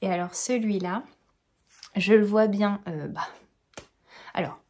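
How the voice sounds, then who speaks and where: Warm-voiced woman chatting about knitting. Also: medium pitch, fairly even intonation, takes it slowly. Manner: chatty and rambling, enthusiastic. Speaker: knitting podcaster. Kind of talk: casual chat.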